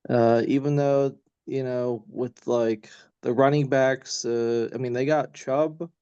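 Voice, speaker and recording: A man speaks in a mid-range voice over dull, slightly muffled audio with no room sound. He talks haltingly, full of "uh" and "you know", circling back before finishing each thought. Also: medium pitch, steady tone, warm tone, clean tone, no room sound. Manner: halting, many fillers and restarts. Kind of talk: casual podcast chat.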